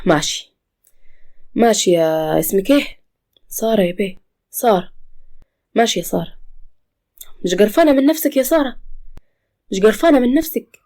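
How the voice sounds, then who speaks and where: A woman's voice: mid-range voice, animated, a little fast, long pauses, dark tone, lightly acted. A woman voicing a stern, threatening male police officer in a storybook tale. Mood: scornful. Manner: menacing, interrogating.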